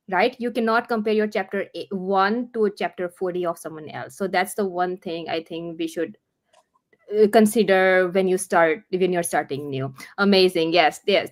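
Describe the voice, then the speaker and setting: A woman hosting a casual live online interview, earnest and encouraging, often restarting her sentences. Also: mid-range voice. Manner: halting, with many restarts and fillers. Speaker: host.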